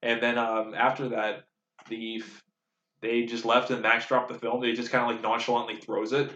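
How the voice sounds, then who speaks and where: A young man with a mid-pitched voice rambles through a story, full of fillers. He sounds like he is in a roomy space, and the recording is dull and lo-fi. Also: completely flat delivery, normal speed, bright, forceful tone. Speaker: podcast co-host. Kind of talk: casual chat.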